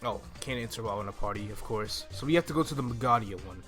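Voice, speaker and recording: He's a gaming YouTuber in his twenties whose voice sits on the low side, a bit bright and quick, as he gives relaxed, explanatory commentary on a game walkthrough. He's close to a desktop mic on a stand, and game music is audible.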